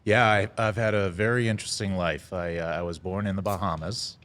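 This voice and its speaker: A middle-aged restaurant founder with a very low voice shares his story as a guest on a podcast, in a relaxed interview. His speech is halting and full of "uh" and "um" fillers, and now and then he lets out an easy chuckle.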